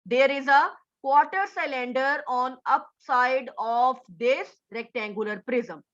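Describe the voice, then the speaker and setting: A woman's voice: sits high, slow, a bit bright. A woman math teacher giving an online class and often checking that students follow, heard through fuzzy, distorted internet audio. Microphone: video call. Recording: lo-fi, glitchy online call audio.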